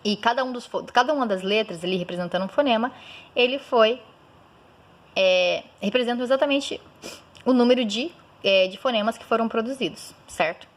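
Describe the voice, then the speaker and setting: A woman teacher giving a recorded school lesson, sounding out words slowly syllable by syllable and often checking in with a quick question. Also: fairly high pitch. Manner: frequent checking "certo?".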